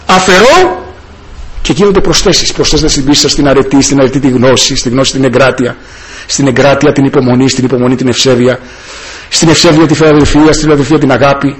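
A man's voice: slightly rough, rough recording. A man preaching a sermon with passion, breaking into hallelujahs. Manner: impassioned, rising and falling pitch, many hallelujahs.

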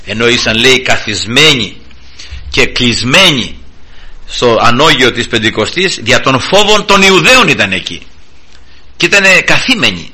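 A male preacher delivers a fervent sermon, his voice strikingly bright and ringing. He talks in halting bursts and keeps addressing the congregation as brothers. His delivery leaps from low and quiet to high and loud. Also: big pitch swings, breathy edge. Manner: fervent, swings sharply up and down in pitch and volume; addresses listeners constantly as brothers, halting restarts.

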